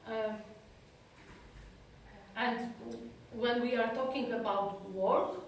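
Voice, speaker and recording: Her voice on the high side, a European woman therapist slowly recounts her story to an audience at an institute, halting often as she gropes for words in her second language. Recorded from a distance in an echoey talk room, the clip carries plenty of reverberation and a faint background hiss.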